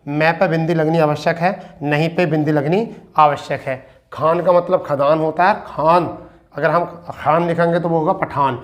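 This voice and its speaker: A man's voice: on the high side, fairly even intonation, normal speed. A man teaching an exam-prep Hindi spelling lesson, repeating each word and asking and answering his own questions. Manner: addresses students as beta.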